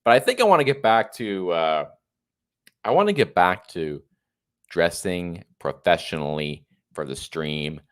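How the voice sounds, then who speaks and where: A man in his thirties runs a casual political livestream, talking on his own in a chatty, rambling, opinionated way. His deep voice is clear and resonant with lively intonation and a slightly slow pace, though he sounds congested and a bit tired.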